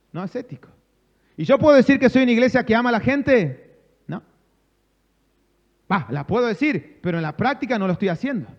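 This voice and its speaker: A man's voice: very high voice, big-room sound, lo-fi sound. A male pastor with a Rioplatense Spanish accent preaching a sermon, calling on the congregation to answer and acting out conversations. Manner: preaching with call-and-response, acting out dialogues. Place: church sanctuary.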